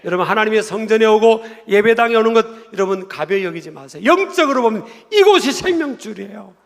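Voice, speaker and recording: A middle-aged male pastor preaching an emphatic sermon in a church, asking the congregation questions and building to shouts. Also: high voice, animated, fast. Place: church sanctuary. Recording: church hall reverb.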